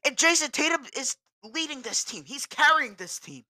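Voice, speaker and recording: Agitated woman ranting, bright voice. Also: high voice, expressive, moderate pace, no room sound, studio quality. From New England. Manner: agitated, repetitive, exasperated. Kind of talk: ranting sports vlog.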